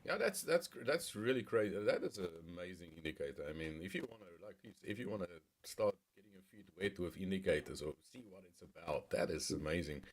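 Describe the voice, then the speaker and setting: A man's voice: low voice, lively intonation, a little fast, few pauses. A man in a casual online chat, talking hesitantly through an old microphone on a bad connection that keeps breaking up. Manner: hesitant, restarts phrases. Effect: bad connection, voice breaking up and dropping out. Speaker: trainer and co-host. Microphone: old microphone on a video call.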